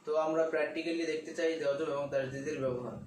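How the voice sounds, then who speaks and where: Male teacher, fairly high voice, patient explainer, roomy far-off mic. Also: fairly even intonation, darkish tone. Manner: repeats key points slowly. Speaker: Quran teacher. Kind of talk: explanatory lesson. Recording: echoey room, mic at a distance, faint hiss.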